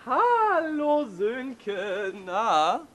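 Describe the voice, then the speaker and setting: A man's voice: very high-pitched, huge pitch swings, very slow, fairly bright tone, full character voice. A man voicing a fussy, pedantic man on the phone who keeps saying "genau" in an overly polite, prim way.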